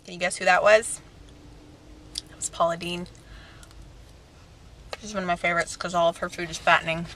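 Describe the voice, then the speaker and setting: A woman's voice: lowish voice, steady tone, normal speed, pauses often, fairly bright tone, slight background noise. A woman in her thirties chatting casually and rambling to camera from inside a car. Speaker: vlogger. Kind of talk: casual chat. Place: in a car on a road trip.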